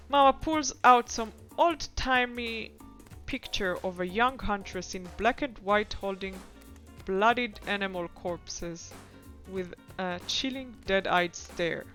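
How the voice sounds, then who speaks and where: A woman streamer reads a dating game aloud at a slow, unhurried pace. Her voice sits at an ordinary middle pitch. She stays amused and drops in comic asides as she goes. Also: fairly bright tone.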